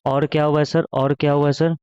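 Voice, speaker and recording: A man's voice: on the high side, little pitch movement, fairly quick, a little mellow, clean tone, dry recording, dull audio, natural voice. A man voicing his own cheeky class of pupils, who answer and tease their teacher. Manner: cheeky, pleading with sir.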